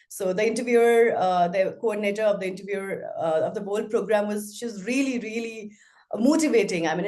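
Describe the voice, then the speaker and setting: A woman's voice: mid-range voice, darkish tone. A woman, a podcast guest speaking thoughtfully in a casual interview, with frequent fillers and restarts. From Nepal.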